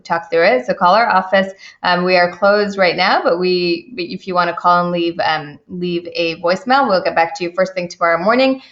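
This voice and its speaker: A woman with a slightly low voice hosts a live immigration Q&A. She talks in a chatty way, full of fillers and restarts, and greets viewers by name. The stream audio is dull and lo-fi. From India. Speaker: immigration attorney hosting a live Q&A. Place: home office in the Washington DC area.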